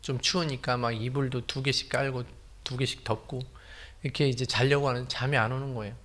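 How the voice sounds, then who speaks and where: A man preaching a Sunday sermon as a pastor, telling a personal story softly and then building to loud, emphatic declarations. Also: medium pitch, flat delivery, fairly quick.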